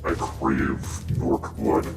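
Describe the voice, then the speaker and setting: Streamer through an ultra-deep voice changer. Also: monotone, very slow. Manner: goofy and self-mocking. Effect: voice changer pitching the voice very deep. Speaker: streamer playing a platform game. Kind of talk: casual gameplay commentary. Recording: echoey and distant, game music behind. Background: game music.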